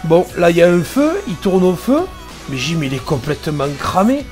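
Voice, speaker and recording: A man's voice: fairly high pitch, sing-song, normal speed, a little mellow, soft background music. A man, a truck driver, commenting casually and sarcastically on dashcam clips, exasperated at other drivers.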